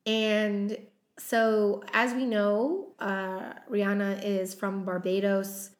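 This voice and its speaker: Speaking flatly in a mid-range voice, a woman co-hosting a film podcast chats about the movie's cast. She reads through her notes without hurry, filling pauses with frequent "um"s.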